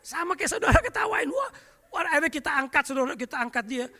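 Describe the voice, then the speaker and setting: A middle-aged man preaches in a high, bright voice, spinning lively stories from the pulpit. He keeps turning to speak straight to the congregation. His voice rings with the long reverb of a church hall. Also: fast talker. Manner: lively anecdotal storytelling, often addresses the congregation. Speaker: pastor. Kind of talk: storytelling sermon.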